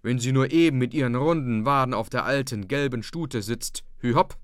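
A man's voice: medium pitch, normal speed, clear, resonant tone, no echo, studio quality, natural voice. Man reading an earnest young farmhand. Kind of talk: audiobook reading.

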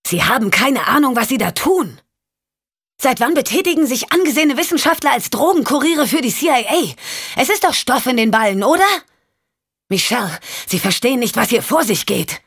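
A woman voicing a tough young female investigator in an audiobook, talking in a sharp, raised, confrontational voice. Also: fairly low pitch, normal speed, hardly any pauses, breathy edge. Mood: angry, challenging. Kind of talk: audiobook character voice.

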